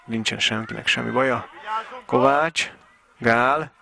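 A man giving excited, partisan live football commentary for a local match, cheering on the home side. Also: mid-range voice, creaky, crowd noise.

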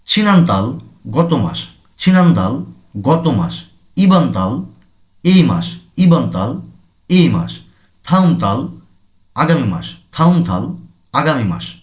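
A man from Bangladesh teaching a language class at an unhurried, deliberate pace. His pitch rises and falls a great deal as he stresses words. He repeats each term and then explains it. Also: big pitch swings. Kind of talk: recorded language lesson. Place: language center classroom or studio.

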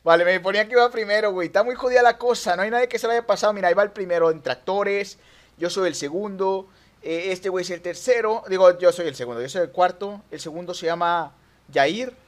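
A young man with a Mexican accent commentating his own online racing gameplay, excitable and yelping at near misses. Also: high voice, fast talker. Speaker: gaming YouTuber.

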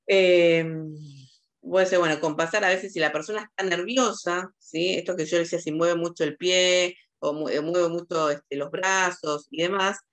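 A woman's voice: fairly low pitch, steady tone, a little slow. A woman psychologist with a Rioplatense Spanish accent giving a lecture over a video call, talking with many fillers and restarts.

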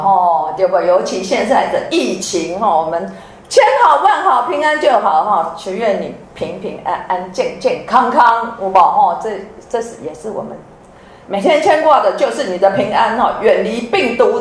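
A middle-aged woman with a Taiwanese Mandarin accent gives a sermon as a pastor's wife, lively and often asking the audience questions. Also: medium pitch, moderate pace. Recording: echoey hall with faint background noise.

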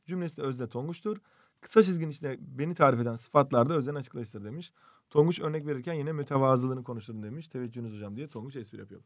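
In a mid-range voice, a man teaches grammar online for exam prep, breaking things down step by step with rhetorical questions. He reads student questions out of cartoons, and the studio-quality recording has no room sound.

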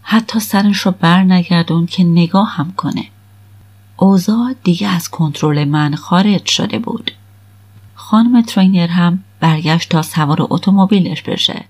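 A woman reading an audiobook in the first person, calm and steady. Her voice sits on the low side with a husky, breathy grain. The delivery stays even from line to line. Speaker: audiobook narrator.

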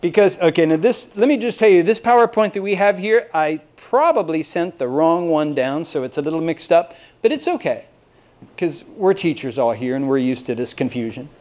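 This American lecturer from Austin, Texas has a fairly high, expressive voice with a darkish tone and a moderate pace. His talk to colleagues is casual and humorous, full of meandering, self-mocking anecdotes.

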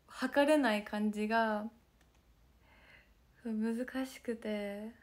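Young woman, slightly high voice, hoarse and worn, chatty livestream talk that keeps sinking to a whisper, phone mic. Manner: soft, chatty, often slips into a whisper. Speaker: idol group member streaming to fans. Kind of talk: casual livestream chat.

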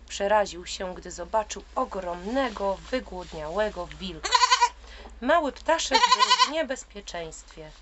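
Woman storyteller for kids, lively sing-song reading, noisy recording with goat bleats behind. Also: mid-range voice. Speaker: children's story reader. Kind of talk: reading aloud to children. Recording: loud background noise.

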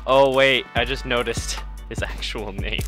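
A man's voice: medium pitch, fairly even intonation, unhurried, fairly bright tone, soft background music. A teenage boy recording himself chatting while gaming, incredulous and laughing at his friend. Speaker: gamer recording the video. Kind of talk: casual gaming chat.

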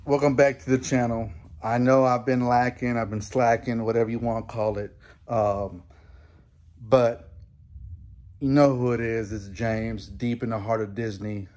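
In a garage in Houston, Texas, a man in his thirties or forties records a casual vlog for his toy reselling channel, holding his phone at arm's length to show clearance finds as a thunderstorm passes. His mid-range voice has a darkish tone and fairly even intonation, and his delivery is halting and unscripted. Rain, thunder and clicking come through, with background noise that is faint to clear.

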